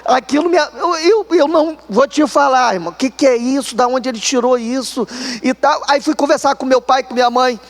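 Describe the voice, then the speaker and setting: High-voiced Brazilian preacher telling a story. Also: male voice, brisk. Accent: Brazilian Portuguese. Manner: animated storytelling, addresses listeners as brother. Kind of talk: sermon testimony.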